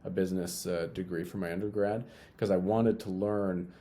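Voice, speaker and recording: A man's voice: sits low, fairly even intonation, moderate pace, mellow. A young man from Utah, a guest talking casually in an interview, often repeating and restarting his phrases.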